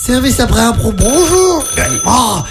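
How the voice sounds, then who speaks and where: A man performing improvised comedy sketches, shouting in comic exasperation. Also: very high-pitched, sing-song, unhurried, over music.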